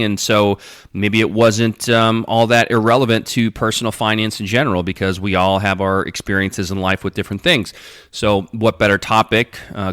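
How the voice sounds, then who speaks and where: Here's a man with a fairly low, fairly bright voice, clear and resonant, recorded dry at studio quality. Hosting his podcast by himself, he works through announcements in a loose, rambling, conversational way with plenty of fillers, a bit stuffed up from a runny nose.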